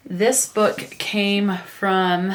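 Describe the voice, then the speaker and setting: A book vlogger chats casually and reads book synopses aloud, with small stumbles and self-corrections along the way. Her voice is mid-range, delivered flatly and very slowly.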